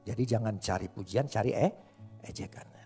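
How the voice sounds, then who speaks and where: A man preaching a sermon to a congregation, animated, swinging between loud and soft and joking with the listeners. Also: lowish voice, brisk, faint music behind. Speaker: pastor.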